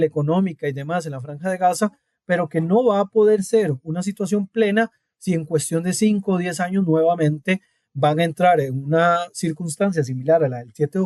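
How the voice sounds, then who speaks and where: A man's voice: a little high, a little mellow, no echo, studio quality. Man giving a radio column. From Costa Rica. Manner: measured, with hesitant fillers. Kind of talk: commentary column by phone.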